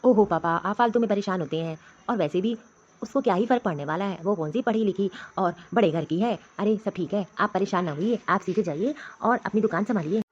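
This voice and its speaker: A woman's voice: medium pitch, a little fast, a little mellow, breathy edge, highs cut off, natural voice. A woman voicing a lazy, dismissive young husband in a cartoon story. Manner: dismissive, offhand.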